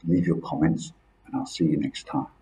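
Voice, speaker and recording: A man's voice: very deep voice, steady tone, moderate pace, mellow, rough recording. A man with a British accent teaching a casual spoken lesson as an accent coach. He often repeats words as he restarts and keeps checking in with "see?".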